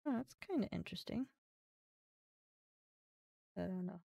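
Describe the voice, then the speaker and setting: A woman's voice: on the low side, expressive, measured pace, vocal fry, dark tone, slightly rough, dry recording, studio quality, distant mic. A young woman streaming a game, chatting casually and thinking aloud as she goes, with the odd swear word. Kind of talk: casual live-stream commentary.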